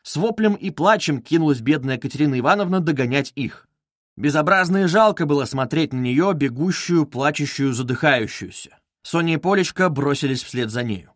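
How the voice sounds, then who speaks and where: A man's voice: on the high side, expressive, normal speed, dry recording. Man reading a novel aloud, dry close sound. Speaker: audiobook narrator. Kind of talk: scripted narration of a classic novel.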